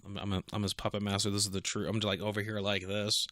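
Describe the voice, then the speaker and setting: A man's voice: lowish voice, level tone, fast, fairly bright tone, dry recording, clean studio sound. A young man co-hosting a casual podcast, joking around, laughing often and swearing. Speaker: podcast co-host. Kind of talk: casual chat.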